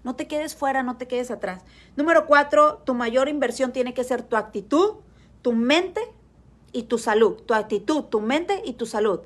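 A woman with a high-pitched voice delivers a motivational talk to an audience. She presses her points hard, says key phrases twice over and keeps firing direct questions at her listeners. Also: moderate pace. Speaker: motivational speaker.

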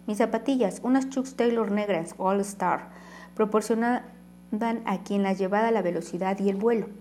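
A woman voicing a sharp, firm young gamer ally in an audiobook. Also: mid-range voice, moderate pace, a little hiss or hum, close to an everyday voice. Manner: firm and corrective.

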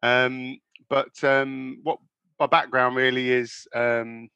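A middle-aged man raised in England, a guest author telling his story in an interview, with many pauses, ums and restarts. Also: medium pitch, little pitch movement, pushed and bright, clean tone, dry recording, lo-fi sound. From born in the USA, raised in England. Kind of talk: conversational interview.

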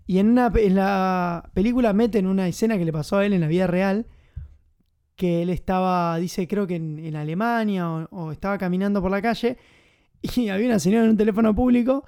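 A man's voice: high-pitched, brisk, mellow, clear, resonant tone. A man with an Argentine accent hosting a casual, chatty film commentary. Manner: chatty, enthusiastic, many fillers.

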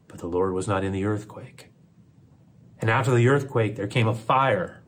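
Low-voiced pastor preaching a sermon. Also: male voice, slight background noise. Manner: swings between forceful emphasis and soft near-whisper, repeats phrases.

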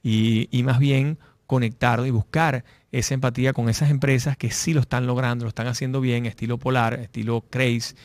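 A middle-aged man with a Venezuelan accent, a guest speaking in a casual interview, animated, repeating and restarting his words. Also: medium pitch, normal speed, few pauses, no room sound, clean studio sound. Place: lives in Madrid.

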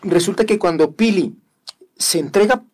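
A man's voice: a little high, normal speed, background noise. A man with a Mexican Spanish accent hosting a casual talk show, rambling and preachy, full of hesitant fillers. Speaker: host.

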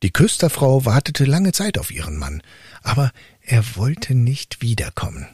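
Husky man reading a fairy tale. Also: medium pitch, unhurried, no room sound, studio quality. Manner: lively, expressive narration. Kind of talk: storybook reading. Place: online voice room.

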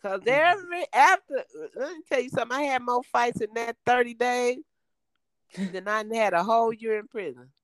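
A middle-aged woman telling her life story in conversation, emphatic and lively, acting out the voices of others. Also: a little high, normal speed, no echo, poor audio.

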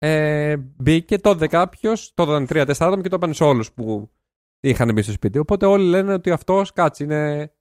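A man's voice: on the high side, animated, a little mellow, no room sound, clean studio sound. Laid-back man guesting on a podcast. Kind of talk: casual chat.

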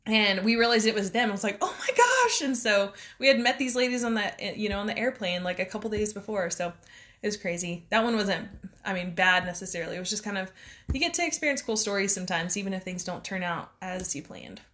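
A woman's voice: mid-range voice, fast talker, fairly bright tone. A young woman co-hosting a podcast, telling travel stories in a rambling, casual way and laughing often. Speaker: podcast co-host. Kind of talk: casual storytelling chat.

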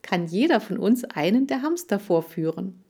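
A woman's voice: mid-range voice, very animated, moderate pace, dark tone, breathy edge. A woman voicing a friendly, enthusiastic young boy.

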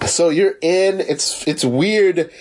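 A man's voice: high-pitched, slow pace, a little mellow. A man from Florida chatting casually and telling anecdotes, slangy and loose with swearing, often restating his point. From Florida, United States. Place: remote call from New York City.

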